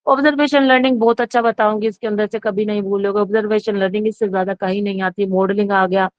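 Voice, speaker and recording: A woman teaching in a casual lecture, stopping to correct herself and asking and answering her own questions. Her voice sits at a middle pitch, close to the mic and dry, with a dull lo-fi sound. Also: steady tone, fast talker, no room sound. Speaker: psychology teacher. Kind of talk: exam-prep lecture, casual Hindi-English mix.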